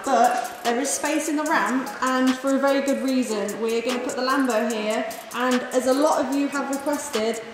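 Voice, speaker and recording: Brief: young woman car vlogger, slightly high voice, chatty self-filmed garage vlog over background music. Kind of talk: casual vlog narration. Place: garage workshop indoors. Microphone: handheld camera at arm's length.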